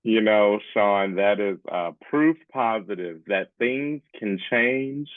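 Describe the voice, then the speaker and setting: Speaking in a low pitch, a public affairs specialist leads a casual online session from a small room at home, his intonation lively and his pace slow. He keeps checking that people follow, often asking "right?" The muffled webcam audio is narrow, close, and dry like a phone on a video call, with no room sound.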